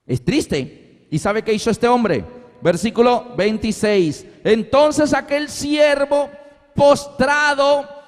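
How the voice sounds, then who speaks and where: A man's voice: extremely high pitch, takes it slowly. A man preaching a sermon, telling the story with animation and acting out the voices of the people in it. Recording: long hall reverb.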